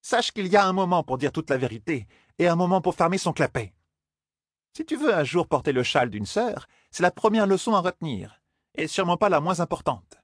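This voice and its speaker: A man voicing a stern older sorceress who lectures her young charges, in a husky voice for an audiobook. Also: a little high, very animated, fairly quick, dry recording, clean studio sound, voice pushed up. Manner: scolding, lecturing. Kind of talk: audiobook character voice.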